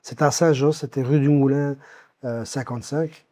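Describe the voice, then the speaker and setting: A Belgian-born man in his fifties, recounting his life story as an interview guest, with many pauses and restarts. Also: medium pitch, steady tone, mellow. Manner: hesitant, many fillers and restarts.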